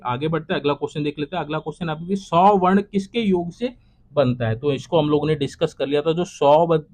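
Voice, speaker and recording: A young man teaching exam prep, working through quiz questions one by one and repeating each answer, his voice trailing low at the end of each. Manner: repetitive, drops to a low trailing voice at each close. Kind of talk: solving quiz questions aloud.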